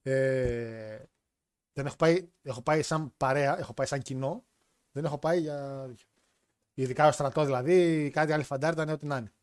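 A young man from hosting a wrestling show, joking in a lively, slangy way. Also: mid-range voice, clean tone, no echo, studio quality. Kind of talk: casual chat reading chat comments.

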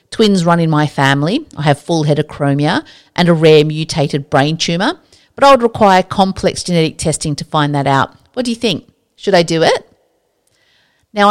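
A woman hosting a podcast, explaining science in a casual, chatty, enthusiastic monologue that drifts into asides. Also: low-pitched. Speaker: podcast host.

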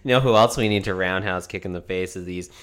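A man's voice: sits low, fast talker, crowd noise. A man in his thirties hosting a casual wrestling recap, talking like a brash, foul-mouthed frat bro. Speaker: wrestling podcast host.

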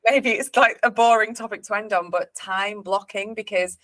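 A woman's voice: medium pitch, steady tone, normal speed, fairly bright tone, no room sound. A woman hosting a podcast interview, chatting in an enthusiastic, affirming way. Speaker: podcast host. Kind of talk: casual interview chat.

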